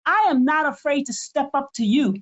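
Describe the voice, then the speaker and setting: With a preaching cadence and impassioned conviction, a seventy-something woman co-hosts a spiritual podcast. She speaks at a moderate pace in a high voice.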